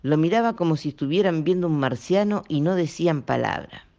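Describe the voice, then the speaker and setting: Gravelly, expressive male storyteller. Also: on the high side, a little fast, highs cut off. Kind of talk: audiobook narration.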